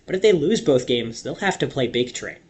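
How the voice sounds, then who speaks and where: This young man's voice is mid-range, animated, a little mellow and husky. He narrates baseball play-by-play in a radio commentary style, milking the big moments with long, dramatic calls.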